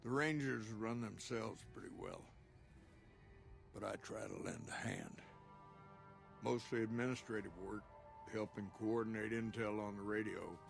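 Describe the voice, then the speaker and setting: Game role: older ranger chief, calm, plain-spoken, low and creaky, faint music underneath. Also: male voice. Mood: modest, matter-of-fact. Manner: measured, laconic, folksy. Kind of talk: video game character dialogue.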